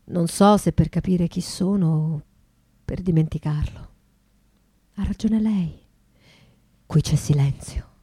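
Accompanied by live guitar, a woman plays an elegant, bitterly ironic 19th-century bourgeois wife in a confessional theatrical monologue that ranges from hushed to declamatory. Her voice is lowish and her mood wistful and searching.

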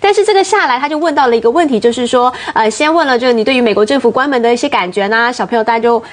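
A woman with a slightly high voice explains a news item at a brisk pace. She talks on and on in a chatty, casual way. She sounds steady and sure of her points. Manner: explains at length, steady commentary. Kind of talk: casual talk show chat.

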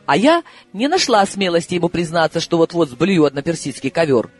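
A man's voice: fairly high pitch, sing-song, a little fast, soft background music. A male audiobook reader voicing an impatient, headstrong woman in love who speaks insistently. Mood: exasperated. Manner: insistent, exclamatory. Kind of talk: audiobook character voice.

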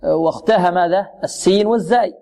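A man giving a radio lesson on Quran recitation, slowly repeating words to show the right sound, asking questions and answering them himself, and firmly correcting common mistakes. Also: high-pitched, gravelly, mellow.

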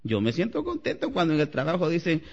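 A man preaching a Sunday sermon as pastor, animated and climbing to loud exclamations. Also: fairly high pitch, fast talker, breathy edge. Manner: animated preaching, rising to shouts. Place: church sanctuary. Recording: lo-fi church recording with long reverb.

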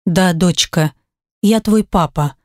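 A woman voicing a grown man, a protective father speaking softly and holding back his feelings. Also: fairly low pitch, slow pace, no room sound, studio quality. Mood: tender. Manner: soft, held-back speech.

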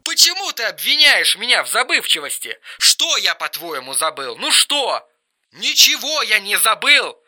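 A man voicing an erratic, mocking young man on the phone in an audiobook reading, shrill and teasing. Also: exaggerated voice. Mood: indignant. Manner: shrill, teasing, quick swings to flat calm.

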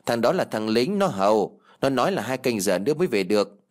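A man's voice: medium pitch, very animated, fairly quick, lightly acted. A man voicing a blunt, scolding old male village shaman in a spoken ghost story. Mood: gruff.

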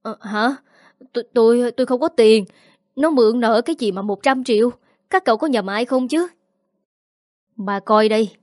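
A woman's voice: fairly high pitch, moderate pace, pauses often, a little mellow, no echo, studio quality, lightly acted. A woman voicing a frantic aging mother who scolds and wails at her son over his debts. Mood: frightened. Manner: wailing, scolding, pleading.

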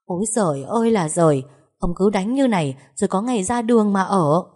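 A woman's voice: mid-range voice, expressive, fairly quick, a little mellow, natural voice. A woman voicing a distressed middle-aged wife who scolds and pleads with her husband in an audio story. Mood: upset.

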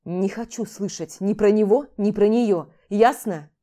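A woman voicing a furious, heartbroken young man who talks rudely and shouts harshly in an audiobook. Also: medium pitch, moderate pace, natural voice. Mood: angry, shouting.

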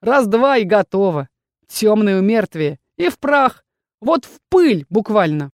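A woman voicing a loud, blunt male orc warrior in an audiobook, bellowing and boasting. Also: mid-range voice, big pitch swings, measured pace, dry recording, studio quality. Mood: boastful shouting.

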